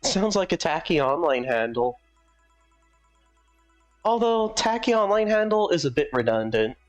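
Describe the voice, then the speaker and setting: A streamer voicing a sarcastic woman bartender who answers in a dry, deadpan way, in live fan voicing of a game. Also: medium pitch, measured pace, faint music behind.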